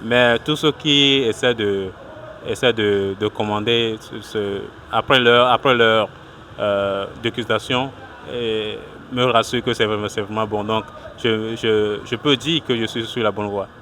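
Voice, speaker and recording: A man from Togo, a cook with a small food business, is interviewed outside at a street food stall in a city, faltering and restarting many times. His lowish voice is steady, bright and forceful at a measured pace, with slight background noise around him.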